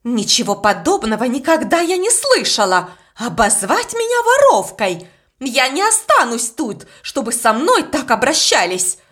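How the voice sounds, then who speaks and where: A woman's voice: sits high, huge pitch swings, unhurried, fairly bright tone, breathy edge, pitched above the performer's own voice, heavily acted. Defiant young housemaid, as a woman reads her. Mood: indignant.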